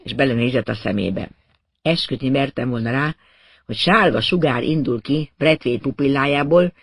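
A man narrating a first-person crime novel as an audiobook, in a wry, measured way. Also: on the high side, creaky, no room sound, clean studio sound.

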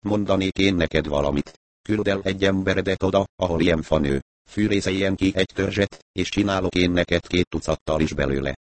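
A man voicing a gruff, blunt bearded woodcarver in a storybook reading. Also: low voice, dry recording, natural voice.

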